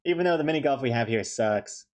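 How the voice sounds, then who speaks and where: Animated and fast-talking, a young New Zealander with a medium-pitched voice draws live on stream. His talk is easygoing, full of jokes and thank-yous to the people watching.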